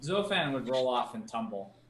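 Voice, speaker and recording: A man's voice: medium pitch, big pitch swings, normal speed. A man playing his character in a tabletop game, talking in a casual, hesitant way. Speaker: player. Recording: echoey room with faint noise.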